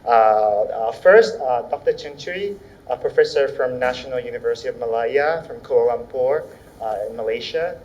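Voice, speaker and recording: A man's voice: medium pitch, lively intonation, normal speed, darkish tone. A man moderating a panel with informal introductions, speaking hesitantly in loose phrases and searching for words. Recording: echoey, slightly dull, faint noise.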